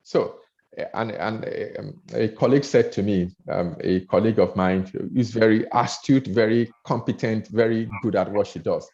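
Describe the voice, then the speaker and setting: A Nigerian-accented man coaches on public speaking, earnestly repeating words as he builds his points. His voice is fairly low with a darkish tone at a moderate pace, captured in dull lo-fi audio.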